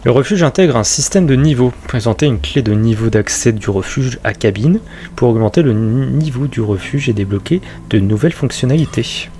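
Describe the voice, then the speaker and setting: Guy playing a game and commenting casually, reads the screen out, normal pitch, bit of background noise. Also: expressive, fairly quick, dark tone. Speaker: let's play streamer.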